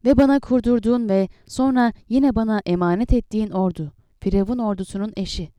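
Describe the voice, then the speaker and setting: A woman reading the lines of an earnest young male warrior captain, pleading and reasoning calmly. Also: mid-range voice, fairly quick, no room sound, lightly acted.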